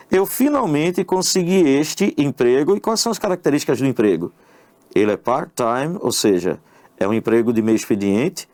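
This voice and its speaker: A man's voice: medium pitch, darkish tone, dry recording. A man teaching an exam-prep English lesson, explaining questions step by step and checking in with the viewer. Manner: explanatory, addresses the viewer directly with tag questions. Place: online video lesson.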